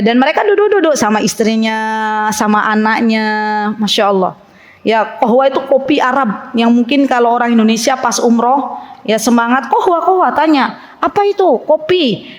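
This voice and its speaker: Woman religious teacher, slightly high voice, lively and playful with women listeners. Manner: lively, playful, acts out little scenes. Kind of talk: religious study talk to women. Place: study gathering with women.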